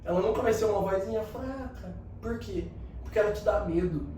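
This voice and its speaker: A man's voice: sits high, a little fast, dark tone, slight background noise. A man giving an emphatic motivational talk, speaking straight to the listener. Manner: emphatic, coaching the listener directly. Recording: very echoey room, distant mic, faint ambience.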